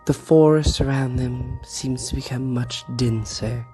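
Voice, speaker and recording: Over background music, a man with a warm, mid-range voice and fairly even intonation narrates a horror adventure game with drama. He speaks slowly, drawing out his phrases to build suspense.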